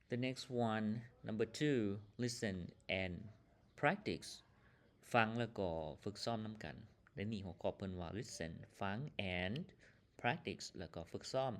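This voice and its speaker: A man from Laos teaching an English lesson, reading each English phrase and then explaining and translating it. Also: on the low side. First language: Lao.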